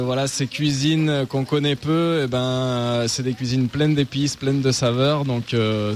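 A man, a customer at a food event, answering in a relaxed, thoughtful way with fillers. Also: medium pitch. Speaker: customer interviewee.

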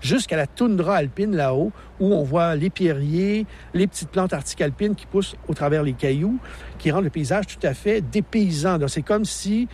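An enthusiastic park naturalist in his sixties, speaking with a Québécois accent, explains the landscape in an outdoor interview and laughs easily. His voice is high-pitched and expressive, a little mellow and slightly rough, at a moderate pace.

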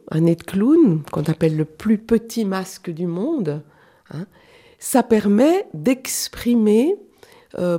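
A woman's voice: mid-range voice, warm tone. A middle-aged woman from Switzerland, guest in a radio interview, talking through her work with many fillers and restarts. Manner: hesitant, searching for words with many fillers. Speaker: guest, clown and actress.

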